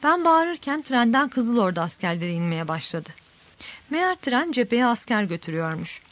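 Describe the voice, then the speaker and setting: A woman reading a novel aloud as an audiobook narrator, in a steady, measured storytelling manner. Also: on the high side.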